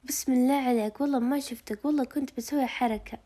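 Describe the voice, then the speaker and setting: A woman voicing a clumsy, cheerful, affectionate young man who pleads loudly. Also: sits high, steady tone, very fast. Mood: pleading.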